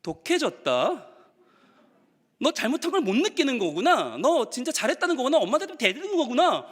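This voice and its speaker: A furious, nagging mother berates her child, her voice jumping high and swinging wildly up and down, as a man puts her on. The sound rings out in a church hall with a long reverb. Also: very animated, fairly quick, breathy edge, exaggerated voice. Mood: accusing. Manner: shrill nagging tirade. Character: exasperated scolding mother of a schoolchild.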